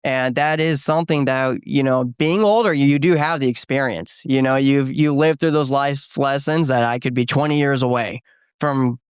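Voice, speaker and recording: Young man, twenties, thoughtful, pauses for words, smooth voice. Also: medium pitch, no echo, clean studio sound. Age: 20s. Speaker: guest, young political activist. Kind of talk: casual studio conversation.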